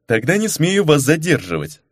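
A man's voice: on the high side, very animated, moderate pace, slightly rough, no echo, studio quality. A man voicing a composed, polite secretary who betrays nothing. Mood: cool politeness. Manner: composed and courteous. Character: calm, polite male traitor secretary.

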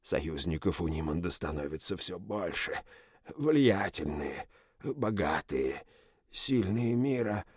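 A man voicing a wounded captive general who pleads for his life and then threatens his captors, hoarse and strained. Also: deep voice, sing-song, slow, no room sound, exaggerated voice. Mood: menacing. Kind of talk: audiobook character reading.

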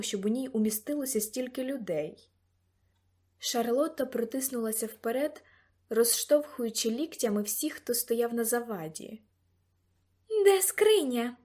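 A woman narrating an audiobook in an even storytelling manner. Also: a little high, breathy edge. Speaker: audiobook reader. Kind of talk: scripted narration.

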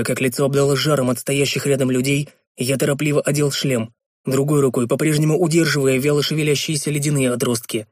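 A man narrating a fantasy audiobook, switching to intense shouting in his hero's lines. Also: mid-range voice, no room sound, clean studio sound.

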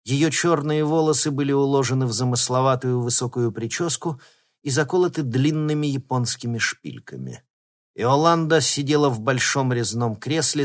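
Man narrating an audiobook. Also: mid-range voice. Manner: steady, dramatic storytelling. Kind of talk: scripted narration.

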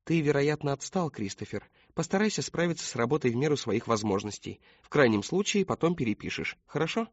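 A man's voice: medium pitch, very animated, fairly quick, few pauses, no room sound, muffled recording, pitched above the performer's own voice. A male audiobook reader voicing a stern, tired woman schoolteacher who speaks firmly and commandingly. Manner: firm, commanding.

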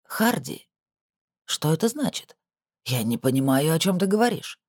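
A man's voice: on the high side, very animated, normal speed, a little mellow, no room sound. A smug, wealthy middle-aged man who left crime behind brushes off every question with mockery, as a male narrator plays him in an audiobook. The sound is dry and close. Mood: dismissive.

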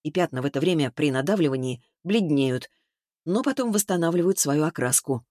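A man reading an audiobook, voicing a blunt expert man who explains things in a lowered, matter-of-fact way. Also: animated, brisk, darkish tone, no room sound, studio quality. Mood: explaining. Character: middle-aged man, dry, blunt medical expert. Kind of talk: audiobook character voice.

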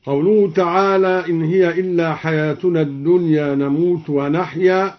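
A man explaining variant Quran readings and then demonstrating each one in drawn-out, melodic recitation, from an archive radio recording. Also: on the high side, steady tone, highs cut off.

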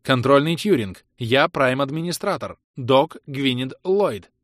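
A man's voice: mid-range voice, lively intonation, measured pace, no echo, clean studio sound, voice pushed up, natural voice. A man reading the part of a normally cold woman scientist who snaps orders and curses. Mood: indignant. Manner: sharp, cursing, shouting orders. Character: usually cold female scientist, now furious.

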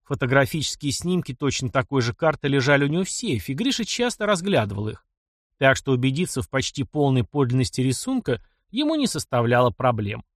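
A man narrating an adventure audiobook with an expressive storytelling manner. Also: medium pitch, brisk, no echo, studio quality. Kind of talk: scripted narration.

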